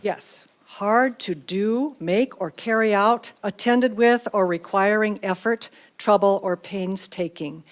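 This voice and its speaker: Woman, mid-pitched, spelling bee pronouncer, measured, clearly enunciated definitions. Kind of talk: reading out words and definitions formally.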